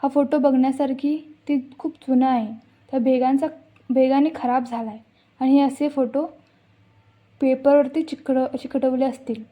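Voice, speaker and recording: A woman's voice: high-pitched, flat delivery, normal speed, mellow. A woman reading the lines of a male sketch artist who explains why an old photo cannot be sketched. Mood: explaining. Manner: plain reading of quoted lines. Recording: dull lo-fi recording.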